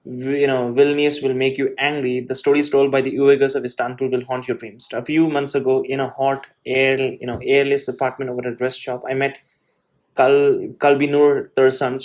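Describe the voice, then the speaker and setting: A man reads an essay aloud for his show and keeps stopping to comment on it. His delivery is halting, with restarts and a steady stream of "you know" fillers. His pitch stays level and narrow, and his voice sits at an ordinary middle height. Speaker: host.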